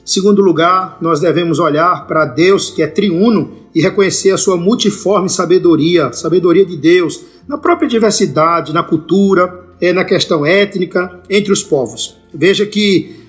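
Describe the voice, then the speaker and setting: A man's voice: high voice, normal speed. A male pastor giving a scripted answer to a listener's question, working methodically through scripture references and speaking straight to the listener. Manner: methodical, addresses the listener directly.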